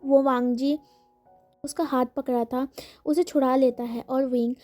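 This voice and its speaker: A woman's voice: sits high, steady tone, a little slow, mellow, no room sound. A woman reading a fan fiction story aloud, speaking every character's lines in her own voice and mixing in English words. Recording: dull lo-fi with faint music.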